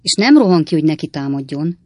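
A reader plays a sly, knowing man who teases in a measured, low way. The recording is dry and close, like a studio audiobook. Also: very animated, darkish tone, no echo. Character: sly, knowing male traveller. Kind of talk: audiobook reading.

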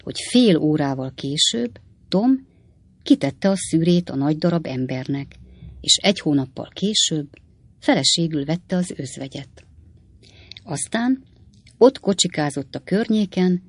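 A narrator tells the story slowly, speaking to the listeners. The voice sits at a middle pitch, and the sound is dry and close to the mic. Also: expressive, dry recording. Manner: slow, storytelling, addressing listeners. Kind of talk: audiobook narration.

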